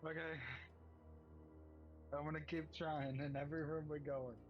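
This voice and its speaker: A man's voice: on the high side, level tone, normal speed. A man bantering casually as a tabletop game player, playfully persistent. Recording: dull, band-limited audio with music.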